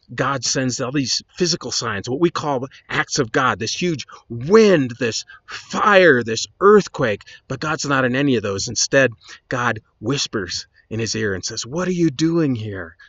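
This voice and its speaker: A man's voice: medium pitch, measured pace, fairly bright tone, dry recording, dull audio. A man, a pastor, retelling Bible stories in a casual, conversational lesson with chatty asides.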